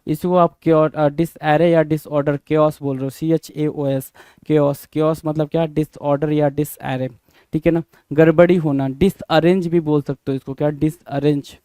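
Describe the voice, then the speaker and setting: Casual male vocab tutor, drills and spells words, mellow smooth tone, dry close recording. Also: on the high side, flat delivery, a little slow, no room sound. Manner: repeats words, spells them out letter by letter, asks and answers himself; informal, addresses students as brother. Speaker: English vocabulary teacher. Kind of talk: exam-prep lesson, call and response.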